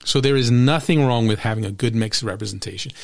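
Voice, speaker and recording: A man's voice: medium pitch, fast, vocal fry. A man hosting a soccer podcast, giving opinionated commentary in an emphatic, sarcastic way. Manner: emphatic and sarcastic, with frequent restarts. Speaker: podcast host.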